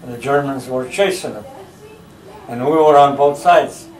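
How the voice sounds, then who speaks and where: An older man, US-born, tells his life story for a family oral history, seated in a recliner in his living room. He speaks at a medium pitch, slowly and haltingly, stopping often to hunt for details about his childhood. The camera mic sits across the room, so the recording sounds roomy and far off.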